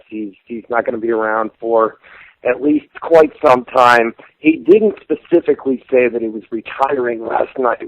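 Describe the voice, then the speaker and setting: A man's voice: mid-range voice, dull audio. A man hosting a casual wrestling talk radio show, chatty and loose, swearing offhandedly.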